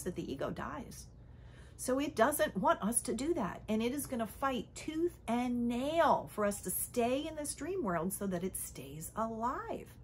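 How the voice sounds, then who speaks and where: A woman giving a casual spiritual teaching talk, conversational, often checking in with "okay?" and "right?" and sometimes dropping to a soft whisper. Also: fairly high pitch, slight background noise. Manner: drops to a soft whisper at times.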